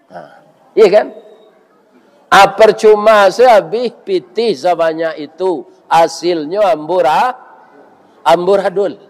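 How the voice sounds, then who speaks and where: A middle-aged man with a Minangkabau accent delivers a sermon in a fairly high voice. He is lively and joking, and he keeps asking his listeners to agree with him.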